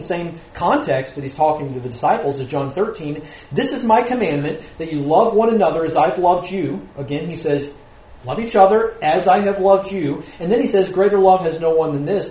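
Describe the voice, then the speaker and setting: A man's voice: on the high side, animated, a little fast, dark tone. A man preaching a sermon as pastor, earnest, often asking rhetorical questions and checking in with "right?". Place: church sanctuary. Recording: roomy church recording with faint noise.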